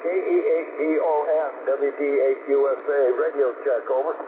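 A man's voice: on the high side, steady tone, normal speed. Chatty man checking in over two-way radio. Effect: two-way radio transmission. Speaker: amateur radio operator checking in. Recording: noisy, tinny radio channel.

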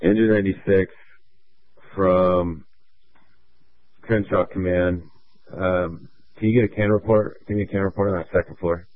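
A man's voice: low voice, fairly even intonation, no room sound. A man acting as fire incident commander over a two-way radio, giving clipped orders with many fillers. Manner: clipped, procedural, halting with fillers. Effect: two-way radio transmission. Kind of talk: fire radio dispatch traffic. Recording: tinny radio channel, dry.

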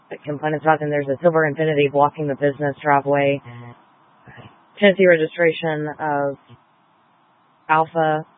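A man working as a police dispatcher, reading out calls over police radio in clipped, flat call-outs and spelling plates phonetically. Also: on the high side. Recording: tinny police radio scanner.

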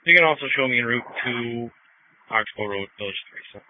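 A man's voice: medium pitch, lively intonation, a little fast. A man calling in to dispatch over a two-way dispatch radio, terse and clipped in radio procedure. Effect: two-way dispatch radio transmission. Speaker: emergency responder on the radio. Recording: tinny radio channel from off-mic.

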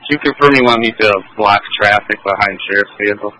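A man's voice: on the low side, brisk, pushed and bright, a little hiss or hum, rough recording. A man, a police officer, speaking in clipped radio procedure over a police radio transmission.

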